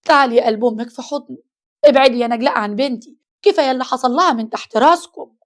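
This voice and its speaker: A woman's voice: high-pitched, fast, lightly acted. Woman playing a grieving Egyptian mother. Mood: distraught. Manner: loud, tearful pleading. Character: grieving middle-aged Egyptian mother, loud and pleading.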